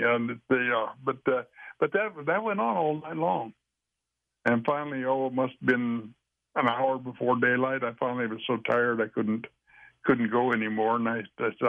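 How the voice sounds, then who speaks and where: A man telling a long story as an interview guest, rambling and halting with frequent restarts. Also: mid-range voice, no room sound. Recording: dry, tinny phone line.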